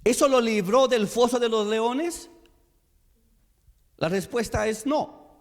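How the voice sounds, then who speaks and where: A man preaching a sermon as pastor in a church, slow and emphatic, repeating his questions to the congregation. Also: very high voice. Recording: long church hall reverb.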